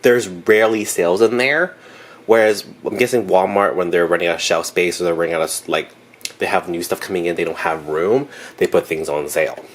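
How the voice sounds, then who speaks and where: A young man chatting casually in a rambling vlog, laughing often and correcting himself, sounding congested from allergies. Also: sits low. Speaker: vlogger.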